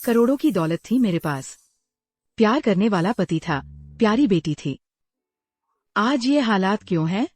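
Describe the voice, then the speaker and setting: A woman's voice: mid-range voice, expressive, unhurried, long pauses, no room sound. A woman voicing a remorseful imprisoned ex-wife in a dubbed drama, speaking in an emotional, pleading way. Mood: regretful.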